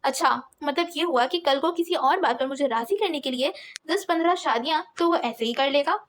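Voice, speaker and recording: A woman voicing a headstrong young woman in an audiobook, defiant and quick to shout. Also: high voice, slight background noise, lightly acted. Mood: sulky.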